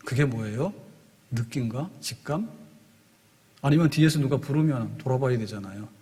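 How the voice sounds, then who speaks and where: Korean pastor preaching in a reverberant hall. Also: male voice, mid-range voice, darkish tone, husky. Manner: explains in short spoken phrases, voice rising and strengthening on key words. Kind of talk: sermon.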